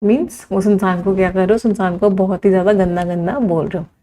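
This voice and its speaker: A young Indian woman teaching English vocabulary in an online class. She reels off lists of synonyms and slows down to dictate idioms. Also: medium pitch, steady tone, warm tone. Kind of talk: live online vocabulary lesson.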